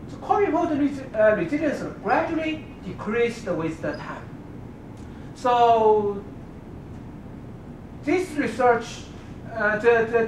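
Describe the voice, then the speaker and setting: A woman giving an academic thesis defense presentation, explaining step by step in a halting way. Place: dark lecture room with projection screen. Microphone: distant camera microphone. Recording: distant, echoey room recording with rumbling noise.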